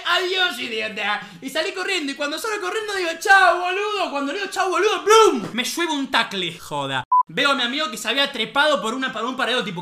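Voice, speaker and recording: A young man with an Argentine accent, a streamer telling a wild anecdote in slangy, animated chat with sound effects. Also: extremely high pitch, echoey room. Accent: Argentine Rioplatense. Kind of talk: casual anecdote storytelling.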